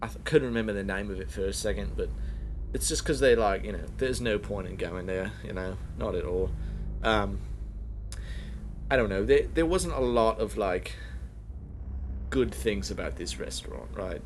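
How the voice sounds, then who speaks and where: A man's voice: on the low side, normal speed, slight background noise. A man telling a rambling comedic story as a podcast host, full of fillers and swearing, sometimes far from the mic.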